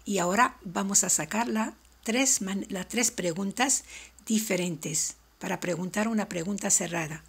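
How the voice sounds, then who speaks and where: A woman teaching a language lesson at an unhurried, careful pace. Her voice is soft and a little breathy, and she repeats every point in two languages so learners can follow along. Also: mid-range voice. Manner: slow, deliberate explanations, repeating each point in two languages. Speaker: French teacher.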